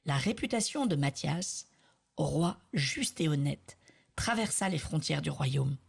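Low, husky female storyteller, very lively intonation, children's tale narration. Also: unhurried. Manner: expressive, animated reading.

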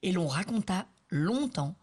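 A woman narrating a children's story with an expressive, animated reading. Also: on the low side, unhurried, breathy edge.

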